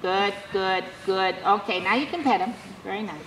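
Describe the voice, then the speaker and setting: A woman's voice: medium pitch, a bit bright. Encouraging woman coaching from far off. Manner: brisk, encouraging, repeats short praise. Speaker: dressage clinic instructor. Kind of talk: coaching a rider from the arena side. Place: large indoor riding arena. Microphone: camera far across the arena. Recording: distant echoey arena with background noise.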